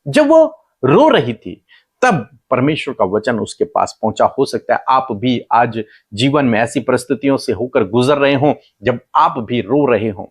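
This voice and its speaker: A man's voice: very animated, unhurried, slightly rough. A middle-aged male pastor preaching a sermon with impassioned repetition. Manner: impassioned, repeating phrases, pitch leaping up for emphasis.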